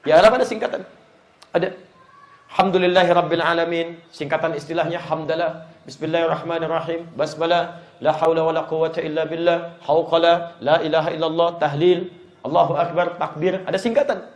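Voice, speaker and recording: A man preaching an Islamic lecture to a live congregation, lively and joking as he speaks to the audience directly. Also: on the high side, fairly quick. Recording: echoey room.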